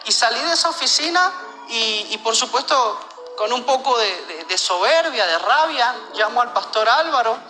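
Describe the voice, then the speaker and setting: A man from Venezuela, giving a personal religious testimony in an earnest, halting way, often repeating words. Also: very high voice, animated, bright, forceful tone, long reverb tail, faint music behind.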